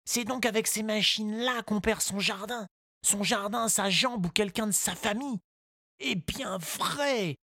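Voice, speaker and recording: A man voicing an earnest, indignant little boy in a storybook reading, with a high childlike voice. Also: measured pace, pushed and bright, no room sound, studio quality, full character voice. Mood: troubled. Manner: high childlike voice, outraged pleading.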